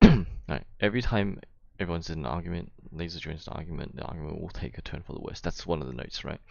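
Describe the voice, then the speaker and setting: A deep, gravelly and slightly mellow voice belongs to a young gamer and vlogger who talks fast while casually explaining a dispute with friends to camera. He rambles with slang, some swearing and frequent check-in tags, in a recording with no room sound and the highs cut off.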